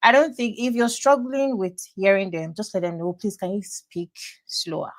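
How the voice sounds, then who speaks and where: A young Nigerian-accented woman speaks at a moderate pace in an animated, medium-pitched voice. She's a student guest on a casual podcast interview, talking candidly and repeating things for emphasis.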